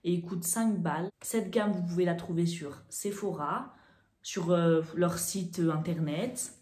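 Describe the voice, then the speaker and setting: A young woman telling a story casually to the camera as a beauty vlogger, chatty and animated, with fillers. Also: lowish voice, a little slow, roomy sound.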